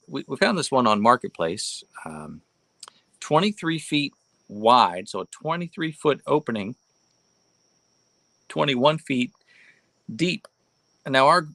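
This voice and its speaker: A man's voice: medium pitch, sing-song, measured pace, vocal fry, long pauses, sharp tone, no room sound. A man hosting a casual livestream from a barn, rambling in a folksy way and repeating phrases for emphasis. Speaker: livestream host. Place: inside a barn.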